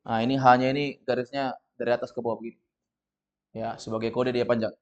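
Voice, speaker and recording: A man with an Indonesian accent leads a classroom lesson at an even middle pitch. He guides students patiently, spelling things out step by step and reading sentences slowly and loudly. The recording is muffled and lo-fi. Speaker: Arabic teacher. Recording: dull lo-fi recording.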